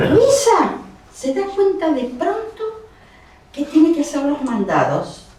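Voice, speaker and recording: A woman with an Argentine accent telling a story live to an audience, in an expressive, unhurried way. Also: on the high side. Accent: Argentine Spanish. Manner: lively, expressive, slows for effect. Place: museum house room with audience. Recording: echoey room, distant mic, faint noise.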